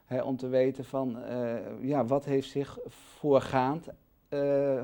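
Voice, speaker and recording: A man, a Bible teacher and studio guest, explaining scripture in a conversational way, dropping to soft asides and then rising to loud, emphatic peaks. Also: medium pitch, level tone, takes it slowly. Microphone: studio microphone.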